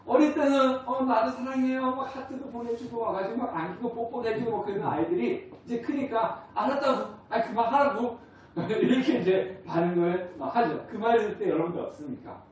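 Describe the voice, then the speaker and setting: A man's voice: sits high, sing-song, brisk, a little mellow, a little hiss or hum. A male pastor preaching a conversational sermon, asking the congregation questions and acting out family dialogues. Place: church sanctuary. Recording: very echoey hall, distant mic.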